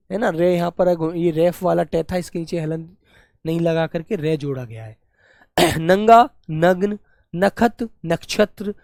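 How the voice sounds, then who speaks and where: A woman's voice: medium pitch, a little mellow, dry recording, clean studio sound. Woman teacher listing words for students. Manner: calls students "beta", lists word pairs slowly; clears throat often. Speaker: Hindi teacher. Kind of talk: live online exam-prep class.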